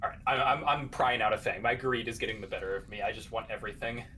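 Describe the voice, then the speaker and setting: A man playing a tabletop game, thinking out loud in a rambling, casual way. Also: fairly low pitch, steady tone, quick pace, a little hiss or hum, rough recording. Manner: rambling, talks through ideas with restarts. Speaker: player.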